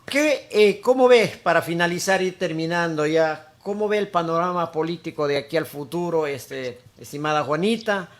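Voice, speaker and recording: A man's voice: fairly high pitch, moderate pace, few pauses. A man hosting a political interview, polite and formal, often agreeing briefly. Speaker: interviewer, host.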